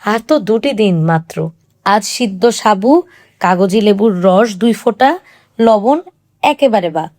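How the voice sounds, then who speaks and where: A woman voicing a middle-aged male village healer who speaks in a grave, measured, authoritative way. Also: medium pitch, lively intonation, a little mellow, lightly acted. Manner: grave, measured, stern then tender.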